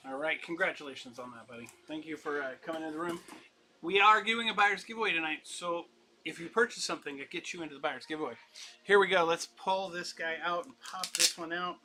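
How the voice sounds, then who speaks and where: A man's voice: fairly high pitch, quick pace, pushed and bright, poor audio. A man running a casual live-stream comic auction, chatty and upbeat, rambling and laughing as he talks.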